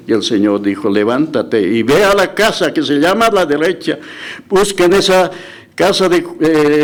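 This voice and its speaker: A man's voice: mid-range voice, creaky. A male pastor preaching a sermon, retelling scripture with emphatic rises and dramatic quoted voices, with frequent restarts. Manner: restarts and self-corrections.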